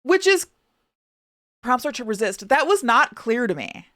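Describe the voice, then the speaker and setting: A young adult woman streamer reacting in casual chat, excitable and swearing freely. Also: fairly high pitch, a little slow, no echo, studio quality.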